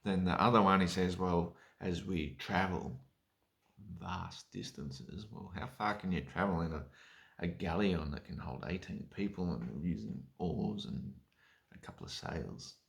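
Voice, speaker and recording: A man's voice: deep voice, expressive, measured pace, gravelly, a bit bright. A man on a rambling drunken solo rant, sweary and sarcastic, losing his thread and lurching into sudden emphatic bursts.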